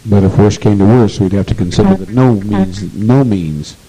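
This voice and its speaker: On an old archival tape, a man leads a meeting, addressing the assembly in a commanding, intense and repetitive preaching style. His voice is lowish, warm and husky at a normal speed, and the recording quality is low.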